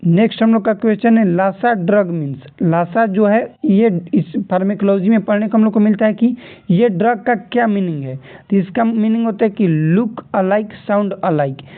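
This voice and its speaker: A man's voice: high voice, normal speed. A man going through nursing exam questions as a tutor, repeating key terms and telling students to remember them. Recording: tinny phone-like audio.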